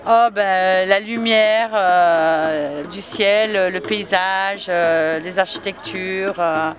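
A woman's voice: medium pitch, very slow. A woman in her fifties, a travel vlogger, answering questions outdoors on camera and talking hesitantly with many fillers. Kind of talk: casual interview on camera. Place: outdoors in a busy night market and park. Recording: loud crowd and music outdoors. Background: music and crowd noise.

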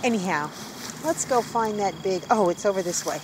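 A chatty woman in her fifties talks on a casual vlog while walking through the woods, curious and easily delighted. Her voice sits at an ordinary middle pitch. She is recorded outdoors on a handheld phone, with a faint hiss of rural outdoor sound behind her. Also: lively intonation, normal speed. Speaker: vlogger. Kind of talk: casual walk-and-talk vlog. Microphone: handheld phone camera.

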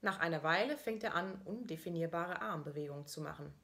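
Woman with a low voice, dry storytelling. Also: a little fast, a bit bright. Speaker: author reading her own text. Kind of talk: first-person diary-style story reading.

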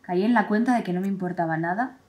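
A woman playing a numb, hushed young woman. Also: lowish voice, quick pace, close to an everyday voice. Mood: wry, reflective. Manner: quiet, hushed and detached delivery. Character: young woman who feels nothing, numb and detached. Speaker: actress in a stage monologue. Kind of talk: theatrical monologue. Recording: voice from a distant mic.

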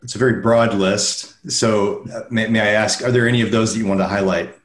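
A man in his forties moderates a video call panel, handing turns to guests with short, friendly prompts. His voice sits on the low side. The webcam audio carries a roomy echo from his home room. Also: fairly even intonation, a little fast. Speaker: host.

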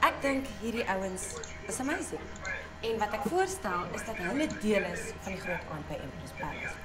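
An actress playing an eager young advertising executive with a South African Afrikaans accent, pitching in a meeting. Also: female voice, big pitch swings, brisk, close to an everyday voice. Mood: eager, persuasive. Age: young adult. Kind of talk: screen comedy-drama dialogue. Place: office boardroom.

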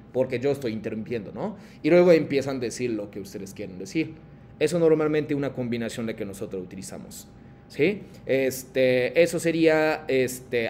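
This man teaches Japanese online in a mid-range voice with a darkish tone, and a little hiss or hum can be heard. Patient in manner, he calls on students by name and mixes Japanese prompts into his Spanish explanations.

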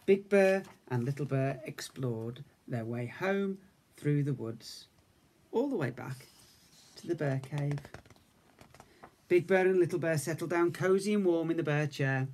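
An infant school teacher in his fifties, English-accented, reads a story to young children from a room at home. His voice is a little high, unhurried and darkish in tone, with a slight hiss or hum in the audio.

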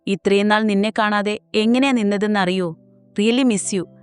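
A woman's voice: medium pitch, a little slow, clean tone, no echo, faint music behind, natural voice. A woman voicing a playful, doting young husband who teases his wife. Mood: teasing. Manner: playful, teasing.

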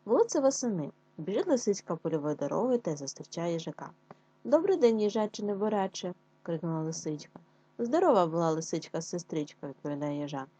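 Woman teacher, reading lesson, warm mellow voice, slow careful words. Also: on the low side, slightly rough. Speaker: primary school teacher.

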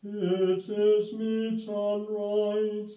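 Older priest chanting slow liturgy. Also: male voice, high-pitched, flat delivery, mellow, soft background music. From England. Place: small room set up as a home altar, indoors. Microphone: far camera. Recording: echoey, distant, dull lo-fi sound.

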